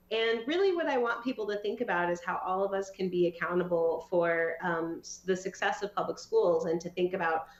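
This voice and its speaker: An articulate woman, a researcher and writer, chatting as a quiz contestant with dry wit. The audio is roomy and echoey. It also sounds dull and lo-fi. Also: fairly low pitch. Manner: wry and articulate. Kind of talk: casual quiz show chat.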